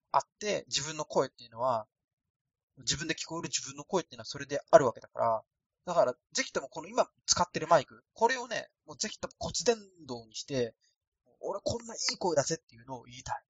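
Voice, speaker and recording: Rambling Osaka man with a thin, husky voice. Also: a little high, highs cut off. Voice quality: thin, light voice. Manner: rambling, self-deprecating and casual. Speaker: podcast host. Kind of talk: solo podcast monologue. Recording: dry, no added echo.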